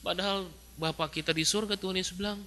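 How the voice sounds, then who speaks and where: A man's voice: high-pitched, fast talker. A male pastor from Indonesia giving a sermon in a church, chatty and full of rhetorical questions. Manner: lively, conversational preaching with rhetorical questions.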